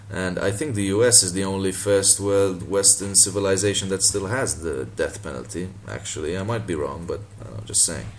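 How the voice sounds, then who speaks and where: A deep-voiced Maltese man, native speaker of Maltese, runs a boxing channel and vlogs. In this response video he talks casually and sardonically, laughing and swearing along the way.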